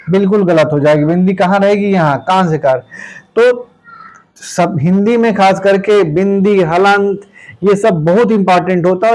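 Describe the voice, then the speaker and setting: Patient, fairly high-voiced male Hindi teacher. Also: darkish tone, low-quality recording. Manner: repeats words slowly, tags lines with "ठीक है"; plain, patient explaining with everyday examples. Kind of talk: exam-prep grammar lesson.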